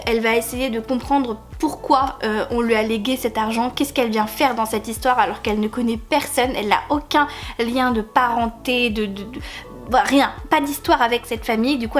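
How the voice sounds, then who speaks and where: A woman in a casual book haul video, speaking in a slightly high voice. She talks in a relaxed, chatty way, filling her sentences with hesitations and small laughs. Faint background music plays under her voice. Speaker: book vlogger.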